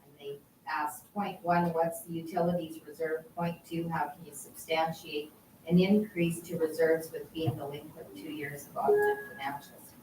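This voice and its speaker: A Canadian woman at a public meeting, reading questions aloud deliberately. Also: deep voice, steady tone, a little mellow, a little hiss or hum. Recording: echoey hall from far off.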